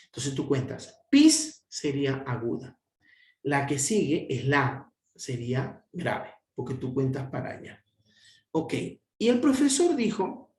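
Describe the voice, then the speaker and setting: A man's voice: mid-range voice, darkish tone. A man teaching a classroom grammar lesson, stretching syllables and asking and answering his own questions. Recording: echoey room.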